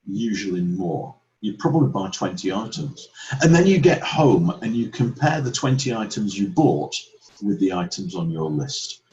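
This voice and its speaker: A man's voice: lowish voice, highs cut off. A man training English teachers in a webinar, asking the audience questions and acting out how students would reply. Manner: lively, questioning, acts out students' replies.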